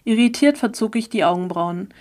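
A woman narrating a first-person story aloud in a steady, expressive reading. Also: medium pitch, a little fast. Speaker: audiobook narrator.

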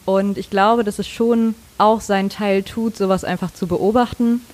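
A woman's voice: mid-range voice, fairly even intonation, moderate pace, a little mellow. Earnest woman in a casual podcast chat. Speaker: podcast co-host.

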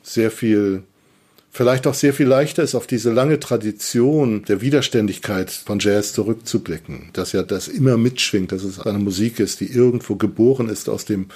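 A man with a somewhat husky, fairly low voice answers interview questions off the cuff. He thinks aloud quickly, dotting his speech with fillers. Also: darkish tone. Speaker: interviewed expert.

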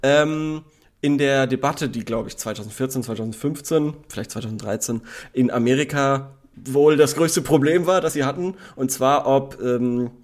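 A man chatting casually about favourite words, rambling with many fillers and quick bursts of speech. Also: medium pitch. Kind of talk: casual chat.

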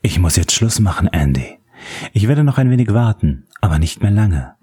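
A man voicing a sinister male killer who taunts over the phone in a low half-whisper. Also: sing-song, moderate pace, warm tone, husky. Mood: taunting. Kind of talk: audiobook reading.

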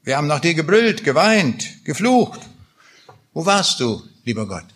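A man's voice: a little high, very animated, unhurried, a bit bright, exaggerated voice. A man reading aloud the part of a bitter, grieving soldier who accuses God with pleading questions. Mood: bitter accusing.

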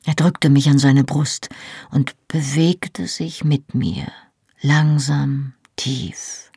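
A woman narrating an audiobook in first person, calm and intimate. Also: rumbling low, drawn-out words, breathy edge, no room sound, studio quality. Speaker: audiobook reader.

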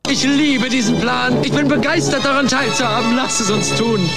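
A man's voice: very high voice, moderate pace. A man dubbing a cynical male ghost hunter who fakes enthusiasm in a film scene. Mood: sarcastic. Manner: mock-enthusiastic, sarcastic. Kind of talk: dubbed film clip. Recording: film clip with loud music.

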